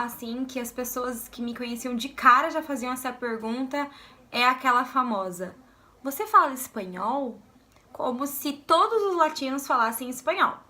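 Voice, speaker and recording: A young woman from Brazil chats to camera in a casual vlog, her voice bright and clear. She pitches a little higher than most and bounces into the voices of the people in her stories. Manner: animated, acts out quoted voices. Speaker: vlogger.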